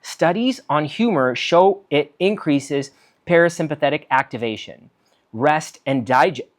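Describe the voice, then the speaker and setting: Lively-pitched man giving a talk. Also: a little slow. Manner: animated, acts out quoted lines, reads from notes. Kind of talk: solo talk on conversation skills.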